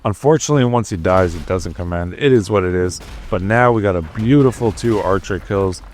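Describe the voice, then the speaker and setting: Man, low voice, casual gameplay voice-over, tip-giving, conversational, young adult. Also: brisk, a little mellow, slight background noise. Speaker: gaming YouTuber narrating gameplay.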